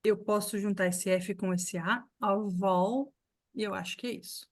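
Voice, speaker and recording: A woman teaching a live online pronunciation lesson, explaining patiently and repeating sounds slowly for her students. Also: mid-range voice, steady tone. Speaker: English teacher.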